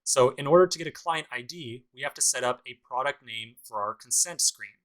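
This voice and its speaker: A man's voice: medium pitch, a little fast, low-quality recording. A man teaching a programming course in a casual screencast tutorial, talking through each step with dry sarcastic asides. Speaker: programming instructor.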